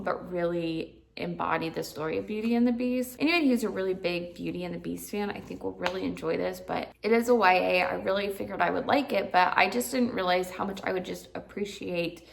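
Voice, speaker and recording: A woman's voice: fairly low pitch, fairly even intonation, brisk, creaky, few pauses, a little hiss or hum. A woman vlogger casually reviewing books, chatty and rambling with lots of filler words. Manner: exasperated ranting at times. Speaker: book vlogger. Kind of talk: casual book review chat.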